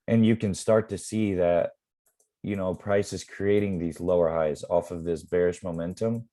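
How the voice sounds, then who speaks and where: A man explaining live trading in a relaxed, rambling way with many fillers, his voice going hoarse. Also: deep voice. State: losing his voice. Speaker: forex trading mentor.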